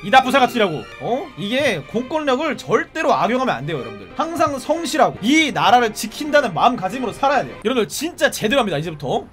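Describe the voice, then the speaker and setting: A man with a very high, bouncy voice calls out a game live, joking and barking orders at the people on screen. His pitch swings up and down constantly. Background music plays under his talk. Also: fast talker, hardly any pauses. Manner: playful, animated, shouting commands at game characters. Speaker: game streamer. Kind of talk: live gameplay commentary.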